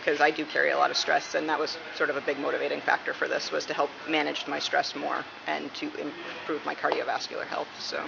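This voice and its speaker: She's a fast talker who hardly pauses, with a low-pitched, level voice. A police dispatcher from Massachusetts, United States, she answers questions in a casual interview, heard through a muffled recording in a clearly noisy room.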